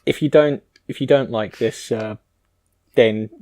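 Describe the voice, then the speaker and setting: A man's voice: medium pitch, a little slow, a little mellow. A man hosting a podcast in casual comedic chat, with a sweary, bantering manner. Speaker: podcast host.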